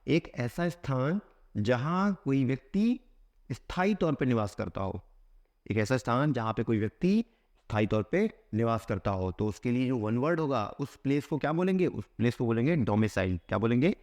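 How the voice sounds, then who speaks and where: A man teaching vocabulary for competitive exams. He asks a question, answers it himself, and reads English phrases slowly, word by word. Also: medium pitch, big pitch swings, darkish tone. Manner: asks a question, then answers it with a repeated keyword. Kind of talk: explaining a vocabulary lesson.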